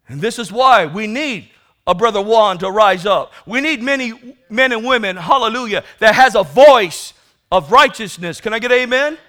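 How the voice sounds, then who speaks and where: A man's voice: extremely high pitch, pushed and bright. A man with an American accent preaching a fiery sermon in an urgent, admonishing, prophetic manner, pressing listeners with rhetorical questions and calls for amens. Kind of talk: fiery sermon calling for repentance.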